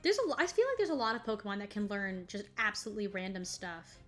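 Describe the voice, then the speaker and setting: A woman's voice: mid-range voice, big pitch swings, quick pace, fairly bright tone, soft background music. A woman streaming a video game, chatting casually and rambling as she plays, often breaking into laughter. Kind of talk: casual gaming commentary.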